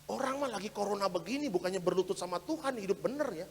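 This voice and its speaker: Male pastor, sermon, very high voice, emphatic, repeats lines, long hall reverb. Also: expressive, quick pace, vocal fry, crowd noise. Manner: fervent, swings between loud exhortation and low asides; repeats phrases and addresses the congregation directly. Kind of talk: sermon for an online Sunday service.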